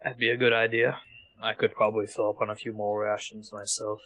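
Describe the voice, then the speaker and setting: A man's voice: lowish voice, level tone, brisk, fairly bright tone, rough recording. A man at a tabletop game, talking in a wry, exasperated way. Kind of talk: casual in-character chat.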